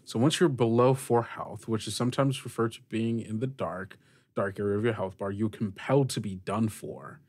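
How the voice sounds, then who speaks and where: With a medium-pitched voice, a man acting as game master for a tabletop roleplaying game explains the rules in a halting, conversational way.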